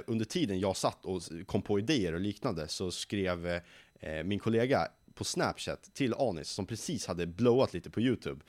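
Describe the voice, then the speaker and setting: 19 yr old guy, founder, chatty storyteller, lowish voice, dry close sound. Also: dry recording. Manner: lively storyteller who acts out quoted voices. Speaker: young company founder, guest. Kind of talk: casual podcast interview.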